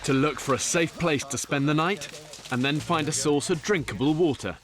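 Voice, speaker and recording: A man delivering scripted documentary narration in a measured, explanatory way. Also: a little high, heavy background noise. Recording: voice-over with music behind.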